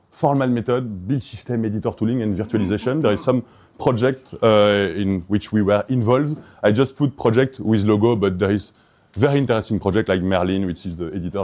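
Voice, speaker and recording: A Belgian man with a Belgian French accent gives a conference talk, enthusiastic yet hesitant, full of fillers and restarts. His voice is fairly low and darkish in tone.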